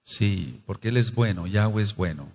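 A man with a Mexican accent teaching a scripture study, who explains and exhorts in short phrases with quick asides. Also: on the low side, expressive, creaky, darkish tone, breathy edge. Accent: Mexican Spanish. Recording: long reverb.

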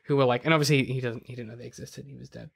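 A man co-hosting a podcast, chatting casually about a book, rambling with many fillers and jumps in pitch. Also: steady tone, rapid-fire, creaky, husky. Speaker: podcast co-host. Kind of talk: casual book club chat.

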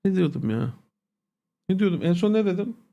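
A man's voice: high voice, animated, a little fast, gravelly, highs cut off. A man streaming live, ranting casually to his viewers, blunt, profane and irritated. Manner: addresses viewers familiarly as "abi" and "agalar". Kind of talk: casual livestream rant.

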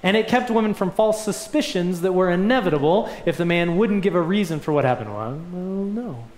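A man's voice: sits high, animated, fairly quick, a little mellow. A young man preaching a sermon in a church, earnest and emphatic, his voice swelling on key points. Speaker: pastor. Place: church sanctuary. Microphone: lectern mic. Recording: echoey church room.

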